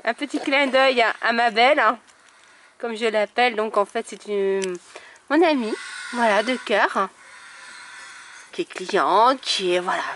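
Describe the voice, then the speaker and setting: A woman's voice: fairly high pitch, fairly bright tone, a little hiss or hum. A woman breeding dogs, chatting casually to camera outdoors by a kennel and cooing affectionately at her puppies. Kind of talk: casual vlog narration.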